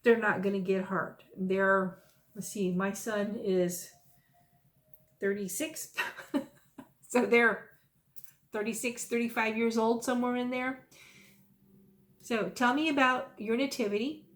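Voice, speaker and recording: This stitching vlogger, a woman in her 50s from South Texas, talks slowly in a steady, slightly high voice with long pauses. She rambles casually, tossing in folksy remarks she finds funny herself.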